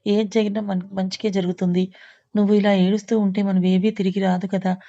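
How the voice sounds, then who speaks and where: A woman voicing a gentle young man who softly comforts his wife. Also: mid-range voice, flat delivery, brisk, muffled recording, lightly acted. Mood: soothing. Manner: soft, soothing.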